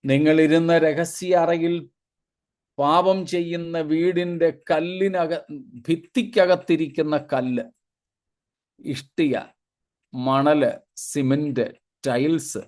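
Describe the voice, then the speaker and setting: A man's voice: a little high, steady tone, slow pace, long pauses, darkish tone. A man preaches a Bible sermon in a slightly raised voice. He takes his time, moving through long lists one item at a time and slipping in brief 'praise God' asides as he goes. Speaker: pastor.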